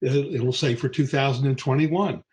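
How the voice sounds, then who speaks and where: A man's voice: mid-range voice, moderate pace, darkish tone. A man speaking as a panel guest, explaining things casually and loosely, with frequent ums, uhs and restarts.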